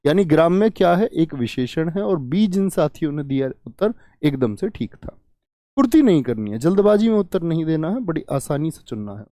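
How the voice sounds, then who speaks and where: A man's voice: on the high side, big pitch swings, fairly quick, warm tone, no echo, studio quality. A man teaching Hindi grammar in a live online exam-prep class, asking questions and repeating key words. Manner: asks and answers his own questions, repeats key words.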